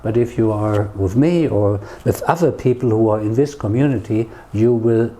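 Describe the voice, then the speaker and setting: Answering questions as an interview guest, this neighbourhood tour guide speaks with a German accent in a lowish, warm voice at a moderate pace. His conversational replies come in short, emphatic phrases frequently tagged with a questioning "yeah?", against clear ambient background noise.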